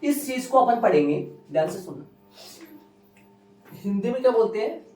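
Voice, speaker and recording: A man's voice: high voice, animated, normal speed, darkish tone, far from the mic. A male maths teacher giving a classroom lecture, repeating key phrases and quizzing his students. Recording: roomy, from afar, faint music.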